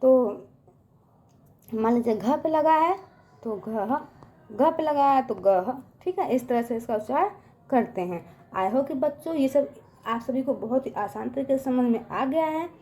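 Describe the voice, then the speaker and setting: A woman teaching young children in a coaxing voice, often addressing them and slowly stretching out each syllable as she sounds it. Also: high-pitched, lively intonation, warm tone. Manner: coaxing, repeats "ठीक है" and "बच्चों" often. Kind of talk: children's lesson.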